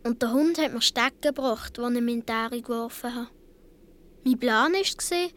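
A woman voices a seven- or eight-year-old Swiss boy in a radio play, recounting his story earnestly with a Swiss German accent. Her voice is high-pitched and natural.

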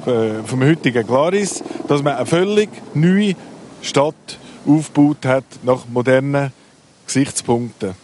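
A man from Glarus with a local Swiss German accent, answering interview questions outdoors, hesitant and full of pauses. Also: mid-range voice, darkish tone, a little hiss or hum. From Glarus, Switzerland. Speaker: local guide. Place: outdoors in a town.

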